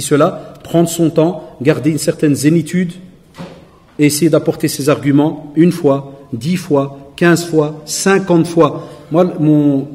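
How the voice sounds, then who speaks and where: A man's voice: on the high side, a little mellow. A Belgian man in his forties giving a sermon to a live audience, telling stories and acting out the lines of other people, joking with the crowd. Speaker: preacher. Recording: echoey hall recording.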